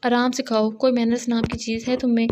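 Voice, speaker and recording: A woman's voice: on the high side, little pitch movement, brisk, darkish tone, a little hiss or hum, natural voice. A woman reading the part of a cold, stern man in his thirties in an audio novel, curt and scolding.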